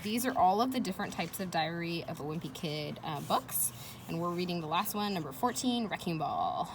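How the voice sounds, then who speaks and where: With a lowish, animated voice and a brisk pace, a woman teacher reads a children's chapter book to her listeners. She drops in casual asides to encourage them and ask questions. Ambient noise of children playing runs through the noisy recording.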